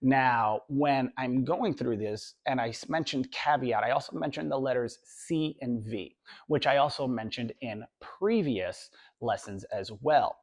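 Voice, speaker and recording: A man with a hoarse, recovering voice, teaching a class in a conversational lecture style and often checking in with "right?". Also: medium pitch. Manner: conversational, tag questions, drawn-out emphasis.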